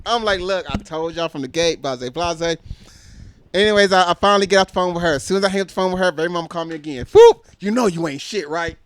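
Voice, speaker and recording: A man's voice: high voice, fast talker, clear, resonant tone. A young man with a Southern US accent, co-hosting a comedy podcast and telling a story with a lot of laughter and slang. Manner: animated, laughs often, says "bro" and "type shit". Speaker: podcast co-host.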